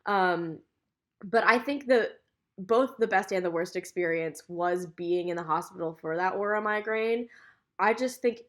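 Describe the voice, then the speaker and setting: A young adult woman hosting a podcast in casual chat, joking around and chiming in quickly. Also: medium pitch. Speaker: podcast host.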